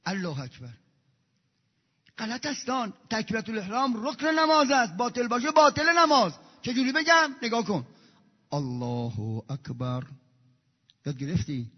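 A man preaching a sermon, moving between quiet recitation of prayers and loud, fervent exhortation. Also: big pitch swings, husky. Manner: swings from hushed recitation to loud, high-pitched exhortation. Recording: dull echoey hall recording.

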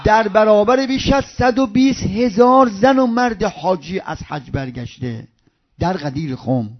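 Impassioned high-voiced male preacher, lo-fi. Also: expressive, a little hiss or hum. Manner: impassioned, swinging from loud outbursts to hushed near-whispers; chants some phrases in a sing-song cadence. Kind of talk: religious sermon with storytelling. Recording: dull lo-fi recording.

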